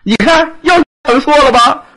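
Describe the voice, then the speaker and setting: A man putting on the voice of a noodle shop owner loudly scolding a new worker. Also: very high voice, normal speed, voice pushed up, low-quality recording.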